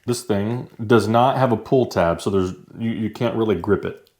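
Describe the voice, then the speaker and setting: A man's voice: lowish voice, moderate pace, a little mellow. A man casually chatting as he tastes new foods for a vlog, easygoing and talking while eating. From United States. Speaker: vlogger. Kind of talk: casual food-tasting chat.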